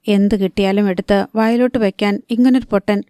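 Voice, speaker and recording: A stern young mother in a storybook, read by a woman narrator, sharp-tongued with her children yet quick to comfort them. The voice stays mellow and smooth, the pitch fairly level. The recording is close and dry. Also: steady tone, no echo, close to an everyday voice. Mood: scolding. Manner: sharp scolding, then soothing. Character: stern, harried young fishing-village mother.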